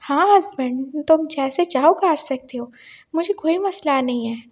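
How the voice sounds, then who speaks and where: A woman's voice: sits high, unhurried, a little mellow. A woman voicing a nervous, flustered young man who stammers and gives in.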